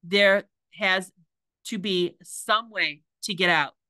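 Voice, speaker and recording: A woman reading aloud, voicing a desperate young girl trapped in a capsized boat, calling out in a high, strained voice. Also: takes it slowly, bright, forceful tone, no room sound. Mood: determined.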